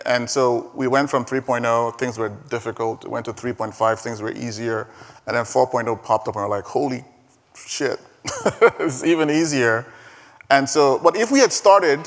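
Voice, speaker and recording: A long hall reverb hangs on the ordinary mid-range voice of this emphatic, energetic speaker, a native Igbo speaker giving a live keynote and taking questions at a conference. He repeatedly doubles back on his words.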